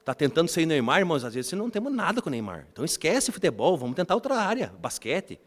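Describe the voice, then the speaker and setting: A man preaches to his congregation with lively energy, his voice sitting on the higher side. He keeps calling out to the brothers and weaves in family stories. The sound rings with the long reverb of a church hall. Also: quick pace. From Brazil. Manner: animated, addresses congregation as brothers, tells family anecdotes. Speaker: bishop preaching. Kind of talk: sermon.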